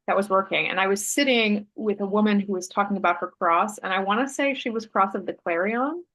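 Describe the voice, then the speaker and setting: A woman guest in a relaxed interview, telling a story in a thoughtful, meandering way, with fillers and self-corrections. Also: medium pitch, fairly quick, rough recording. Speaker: interview guest, artist and Human Design author.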